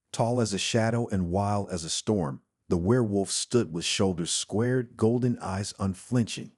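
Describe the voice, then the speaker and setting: A man narrating a dark fantasy story in a slow, brooding, ominous scripted style. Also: fairly low pitch, breathy edge, no echo, studio quality.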